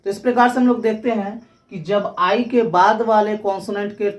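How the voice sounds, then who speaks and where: A woman's voice: medium pitch, steady tone, normal speed. A woman teaching English pronunciation, explaining rules step by step and spelling words out letter by letter.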